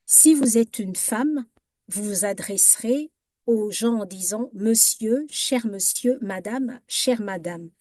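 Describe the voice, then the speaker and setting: Slow, hesitant woman giving an etiquette talk. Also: mid-range voice, warm tone, dry recording. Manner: hesitant, many fillers and restarts; corrective, contrasting wrong and right phrases. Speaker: etiquette workshop speaker.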